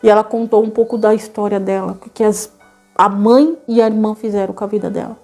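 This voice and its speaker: A woman's voice: medium pitch, steady tone, brisk, mellow, soft background music. A young woman, earnestly telling her church testimony and addressing the listeners as brothers.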